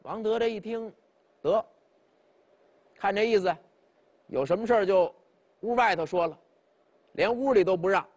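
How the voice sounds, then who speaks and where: A man's voice: sits high, normal speed, pauses often, a little mellow. A man performing traditional Chinese storytelling, chatting directly with his listeners as he narrates. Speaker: pingshu storyteller.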